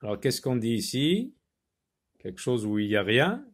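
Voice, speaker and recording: A man's voice: mid-range voice, very animated. A man teaching a phonics lesson, patiently repeating words and spelling them out letter by letter. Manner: slow, deliberate word repetition.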